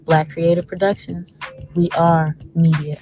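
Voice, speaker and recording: A woman reading a scripted promotional ad in a smooth, salesy voice. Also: lowish voice, flat delivery, a little slow, rough recording. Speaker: ad voice-over. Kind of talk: scripted ad read. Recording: voice-over with loud music bed. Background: music.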